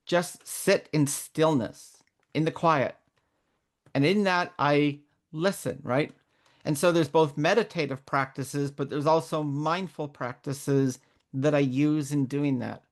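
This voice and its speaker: A woman's voice: low voice, fairly even intonation, slow. Earnest reflective woman mentor. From born in Northern Ireland, raised in Canada. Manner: earnest, reflective, spiritual, with many restarts. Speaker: guest mentor. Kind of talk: candid conversational interview.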